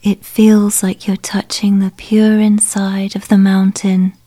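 A woman guiding a relaxation exercise in a soft, hushed voice that often drops to a whisper. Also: mid-range voice, flat delivery, slow. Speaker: meditation guide. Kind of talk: guided relaxation narration.

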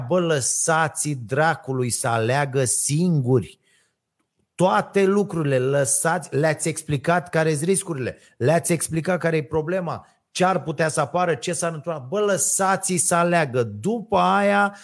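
Guy ranting, kinda higher voice, lots of uh's. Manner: ranting, hesitant with many fillers. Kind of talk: casual chat.

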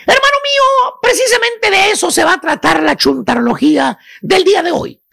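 A man with a Mexican accent voicing a loud, preachy male comic character who rants and scolds in a radio sketch, breaking into sobbing whines. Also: very high voice, expressive, moderate pace, gravelly, full character voice. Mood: ranting. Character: loud preachy male "maestro" lecturing sons about their mothers.

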